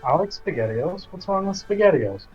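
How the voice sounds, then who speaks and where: A man's voice: high voice, sing-song, normal speed. Man on a tinny, metallic-sounding mic. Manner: laid-back, joking, swears casually. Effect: tinny metallic-sounding microphone. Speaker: tabletop game player. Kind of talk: casual banter before a game stream. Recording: tinny lo-fi mic with music behind.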